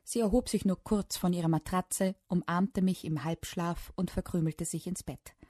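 A woman narrates a children's book in a lively, playful way. Her voice is low and husky. The recording is dry and close. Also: moderate pace, no echo. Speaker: audiobook reader.

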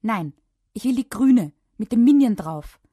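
A woman voicing an excitable, stubborn young boy who shouts and insists. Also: on the high side, measured pace, breathy edge, pitched above the performer's own voice. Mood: insistent.

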